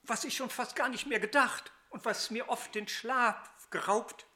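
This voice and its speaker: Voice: mid-range voice, normal speed, sharp tone, pitched above the performer's own voice, close to an everyday voice. A reader voicing a forgiving, joyful father, speaking in celebratory rhymed verse. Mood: coaxing.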